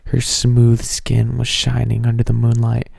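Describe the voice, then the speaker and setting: A man's voice: mid-range voice, completely flat delivery, measured pace, vocal fry, a little mellow, slightly rough, dry recording. A man giving an amateur dramatic reading of fan fiction, with amused asides. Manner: breaks character with amused asides.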